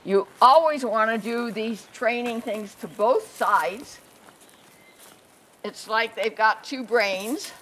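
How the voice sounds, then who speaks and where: A woman's voice: a little high, takes it slowly, fairly bright tone, rough recording. Woman soothing an alpaca in training. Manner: soothing repeated reassurances to an animal. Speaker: alpaca trainer and show host. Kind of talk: casual instructional vlog. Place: outdoor animal pen. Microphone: camera mic, handheld at times.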